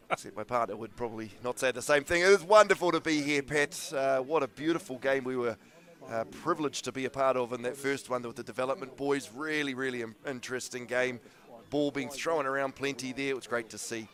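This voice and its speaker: A New Zealand man provides live rugby co-commentary in a mid-pitched voice. His delivery is conversational, as part of a broadcast pair. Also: a little fast, a bit bright.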